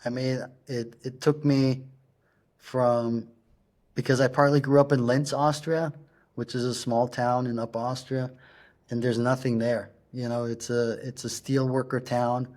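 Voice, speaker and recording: Man, middle-aged, punk singer guest, monotone delivery, halting, casual storytelling. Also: mid-range voice. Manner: halting, searching for words, drops in German words.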